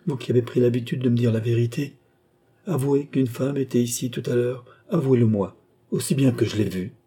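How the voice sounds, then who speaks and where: A man voicing a sad, anxious young noblewoman, speaking softly, in an audiobook. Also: mid-range voice, brisk, breathy edge, close to an everyday voice. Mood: pleading. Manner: soft, sorrowful.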